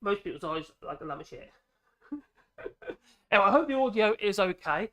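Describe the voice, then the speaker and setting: In a brisk, animated way, a congested middle-aged man with a head cold hosts a casual woodworking vlog, his high-pitched voice fairly bright. He rambles chattily and jokes about himself. He records in his home workshop on a mic clamped to the ceiling.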